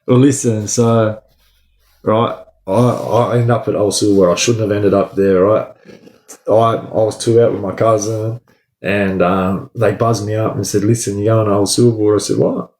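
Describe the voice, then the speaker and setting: A man's voice: lowish voice, fairly even intonation, moderate pace, a little mellow. An Australian man chatting casually and spinning a yarn on a livestream, in sweary, matey eshay street slang. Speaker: livestream storyteller. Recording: echoey room.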